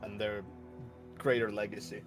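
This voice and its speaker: A man playing a tabletop game, talking in a measured, slightly formal way. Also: lowish voice, level tone, music in the background. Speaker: player. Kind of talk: casual tabletop chat.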